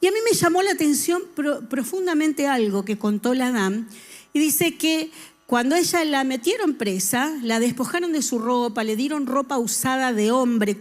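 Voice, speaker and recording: Middle-aged woman preaching, kinda high voice, keeps asking the crowd stuff. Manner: lively, talks with the congregation and asks them questions. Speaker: church speaker. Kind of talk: sermon.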